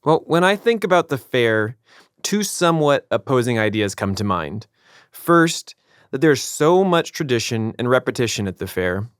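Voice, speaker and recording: A man narrating a podcast episode in a measured, reflective scripted style. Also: medium pitch, big pitch swings, clear, resonant tone, no room sound, clean studio sound.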